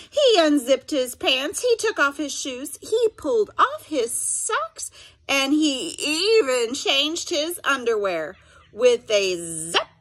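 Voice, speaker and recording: Reading a picture book aloud with lots of expression, a middle-aged woman who teaches special education breaks off now and then to instruct her students directly. She has a high-pitched, fairly bright voice.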